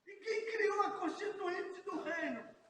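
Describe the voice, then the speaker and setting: A man's voice: very high voice, a little slow, pushed and bright. A man with a Brazilian accent preaching a sermon, emphatic and repetitive, calling out to his listeners in a large church hall. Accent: Brazilian Portuguese. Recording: echoey church hall, far mic, faint noise.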